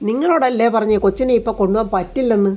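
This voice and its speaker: A woman's voice: on the high side, very fast, warm tone, natural voice. A woman voicing a frightened servant woman who pleads and cries out in panic. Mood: panicked. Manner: anxious, wailing cries.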